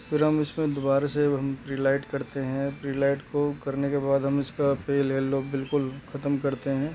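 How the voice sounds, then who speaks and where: Flat-voiced man explaining hair coloring. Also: mid-range voice, slight background noise. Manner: plain, explanatory, repeats steps. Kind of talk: step-by-step salon tutorial narration.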